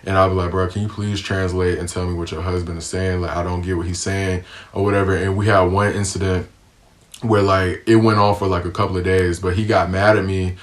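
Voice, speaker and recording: A young American man tells a casual storytime for his vlog in a low, flat, even voice at a brisk pace. He is laid-back and slangy, dropping plenty of ums along the way.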